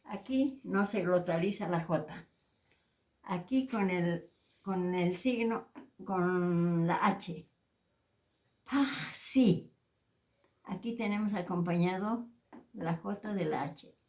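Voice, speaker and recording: A woman teaching a language lesson, saying each word slowly and repeating it several times to show how it is pronounced. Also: fairly low pitch, darkish tone. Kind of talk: slow pronunciation lesson. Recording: echoey room, voice from far off.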